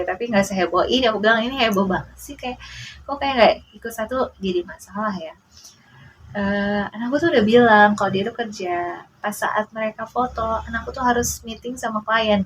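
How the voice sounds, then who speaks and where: A woman in her forties speaks straight to the camera as a mother, in a mid-pitched voice. Her delivery is emotional and halting, with frequent restarts, and she often turns to address her listeners directly. She sounds indignant and protective. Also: a bit bright, slight background noise, rough recording. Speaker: mother sharing a personal story. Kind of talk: casual to-camera monologue.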